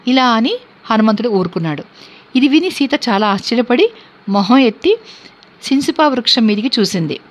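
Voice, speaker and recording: A woman host reading scripture aloud with steady, measured recitation. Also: a little high. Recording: dull lo-fi recording.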